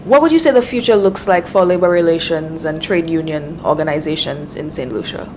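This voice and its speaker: Woman reporter at a press briefing, hesitant with many fillers, lowish voice. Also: a little fast, darkish tone, a little hiss or hum, rough recording.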